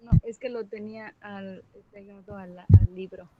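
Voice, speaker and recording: A woman's voice: medium pitch, fairly even intonation, normal speed. A woman student in an online class who apologizes and then asks her questions. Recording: tinny phone-like line, mic near a book.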